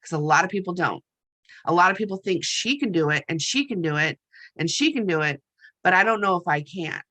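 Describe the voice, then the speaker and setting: A middle-aged woman shares her own story as a network marketing distributor in an upbeat motivational talk. Her voice sits fairly low yet rings bright and punchy. She talks in a chatty, emphatic way and keeps turning to her listeners as "you guys". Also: expressive, a little fast.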